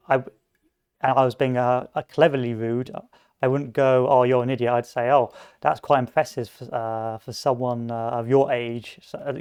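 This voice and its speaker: A man chatting loosely while he plays a strategy game, his voice smooth and resonant. He wanders from thought to thought with lots of ums and uhs, at an ordinary middle pitch. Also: a little mellow. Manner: rambling, chatty, wanders onto tangents with many fillers. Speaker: gameplay commentator. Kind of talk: casual let's-play commentary.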